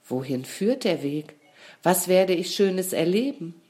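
A woman voicing a curious, gentle little girl caterpillar in a children's story. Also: lowish voice, animated, slow, pitched above the performer's own voice. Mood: eager.

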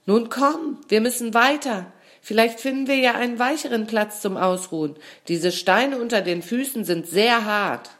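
A woman voicing a young male caterpillar friend, pushy and quick to shout, in a storybook. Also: lowish voice, pitched above the performer's own voice, natural voice. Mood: urging. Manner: loud, insistent, raised voice.

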